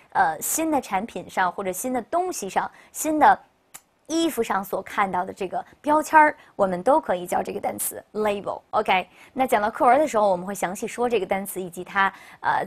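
A woman teacher leads a recorded English vocabulary lesson, explaining in Chinese in a bright, chatty way. She often drops in a cheerful "OK" as she moves on. When she models a word, she stretches it out slowly so learners can repeat after her. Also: mid-range voice. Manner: upbeat, chatty classroom delivery with frequent "OK, 好的".

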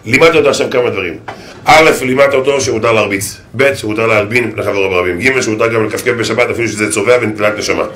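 A man voicing a stern synagogue rabbi who lectures a father, counting off points and climbing to a loud pitch. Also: reverberant. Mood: scolding.

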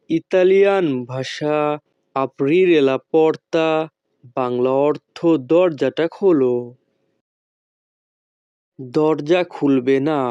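A man teaching a language lesson, slowly and carefully repeating each phrase. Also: a little high, darkish tone, smooth, dry recording, lo-fi sound.

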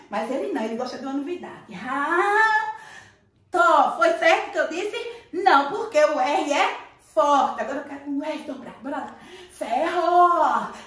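A woman's voice: high voice, a bit bright. A Brazilian woman teacher giving a playful, affectionate lesson to young children. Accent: Brazilian Portuguese. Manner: playful, affectionate, sing-song teacher talk. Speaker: primary school teacher. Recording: echoey room, voice a bit far from the mic.

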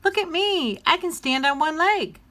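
A woman voicing a five-year-old penguin boy, a bossy big brother who shows off in a high squealing voice for a storybook. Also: expressive, normal speed, bright, forceful tone, exaggerated voice. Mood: gleeful.

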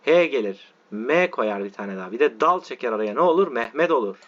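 A male teacher giving an online lesson, walking through letter forms slowly and often checking that his listeners are following. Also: mid-range voice, expressive. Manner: repetitive, checks in with "tamam mı arkadaşlar". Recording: dull lo-fi audio.

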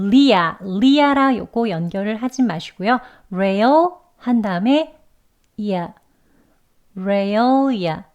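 A Korean-speaking woman teaching English pronunciation, explaining patiently and slowly repeating sounds to demonstrate them. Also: on the high side. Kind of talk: pronunciation lesson.

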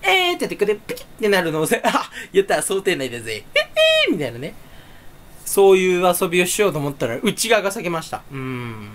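A man chatting alone in a rambling, self-mocking way, with sudden jumps up in pitch. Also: sing-song, quick pace, fairly bright tone. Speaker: streamer. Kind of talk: casual solo chat.

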